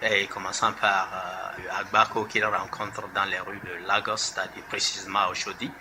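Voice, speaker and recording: A middle-aged man with a fairly low voice talks easily and loosely, pausing with small fillers as he thinks. He grew up in Togo. The recording carries a clear hiss of background noise behind him. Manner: relaxed, conversational, with hesitations. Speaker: author and university lecturer. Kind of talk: recorded interview.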